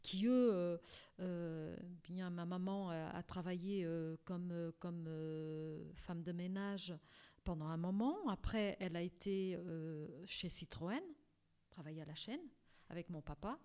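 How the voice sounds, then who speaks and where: A middle-aged woman from Portugal answers interview questions about her life. She talks haltingly, with frequent fillers and repeated words. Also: on the low side, warm tone, clean tone. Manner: hesitant, many fillers and restarts. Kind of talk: personal life story interview.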